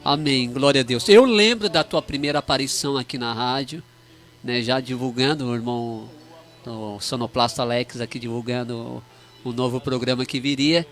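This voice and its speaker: A man's voice: medium pitch, moderate pace, a bit bright, faint music behind. A man hosting a religious radio program, asking loose questions with pious greetings. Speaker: radio host. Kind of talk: radio interview.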